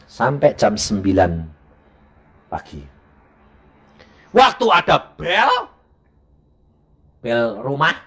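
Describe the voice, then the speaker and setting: Middle-aged male evangelist; raised pitch, very animated storytelling sermon. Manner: animated, acts out dialogue with sharp pitch jumps. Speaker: evangelist preacher.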